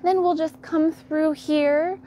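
A young woman with an American accent hosting a live tour of a quilt fabric shop, walking the aisles and showing products in a friendly, unhurried way. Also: high voice, steady tone, warm tone, a little hiss or hum. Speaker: quilt shop staff host.

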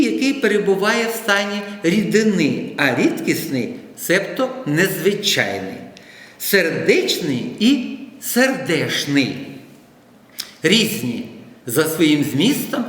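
A man giving an educational lecture, deliberately stressing and defining word pairs one by one with a Ukrainian accent. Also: fairly high pitch, a bit bright. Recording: echoey room with long reverb.

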